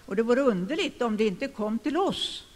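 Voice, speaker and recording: An older man preaching a sermon, speaking emphatically and rising to sudden loud declarations. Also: very high-pitched, animated. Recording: long hall reverb.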